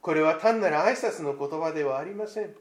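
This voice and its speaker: Male pastor, fairly high voice, slow reflective sermon, echo of a church hall. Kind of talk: Christmas sermon.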